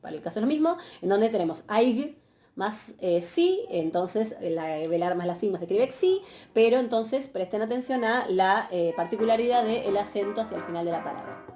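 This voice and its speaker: A woman giving a patient, explanatory university lecture, often pausing on fillers and checking questions. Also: medium pitch, animated, dark tone. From Argentina. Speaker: university Greek teacher. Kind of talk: recorded online lecture.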